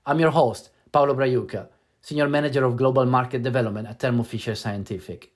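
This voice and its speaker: A man hosting a podcast, reading a polished introduction in a measured way and then asking interview questions. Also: medium pitch. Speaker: podcast host.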